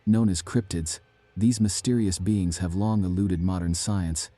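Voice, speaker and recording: A man narrates eerie tales in a slow, measured, ominous way. His voice sits very low and dark, recorded close and dry with no room around it. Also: fairly even intonation, no echo. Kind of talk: scripted narration.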